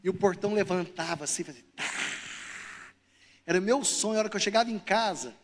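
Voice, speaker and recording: A man's voice: sits high, very fast, slight background noise. A Brazilian man preaching a sermon, telling humorous stories and acting out the people in them. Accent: Brazilian Portuguese. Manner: humorous, acts out characters in his stories. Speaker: pastor. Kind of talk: sermon with storytelling. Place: church hall. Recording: long reverb of a church hall.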